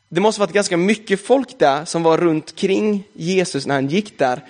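Young male preacher with a slightly high voice, easygoing and chatty from the pulpit. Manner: casual conversational preaching, frequent filler "liksom". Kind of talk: sermon.

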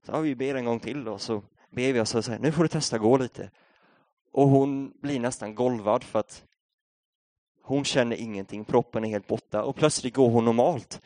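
A man's voice: medium pitch, dark tone, no echo, clean studio sound. A young Swedish man preaching a sermon, telling a story in a casual, conversational way before building up to a rousing appeal. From Sweden.

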